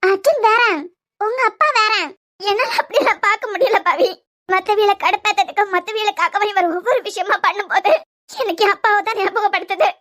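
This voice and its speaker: A woman's voice: very high voice, a little fast, a bit bright. A woman voicing an emotional young wife in a cartoon serial, with a Kanyakumari Tamil accent and a pleading, reproachful manner. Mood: hurt. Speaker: voice artist.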